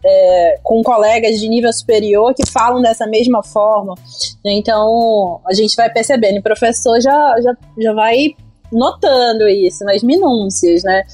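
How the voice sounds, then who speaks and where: A woman's voice: a little high, measured pace, a little mellow, soft background music. A woman talking in a casual podcast chat, thoughtful, dotting her sentences with fillers. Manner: reflective, fills with "né".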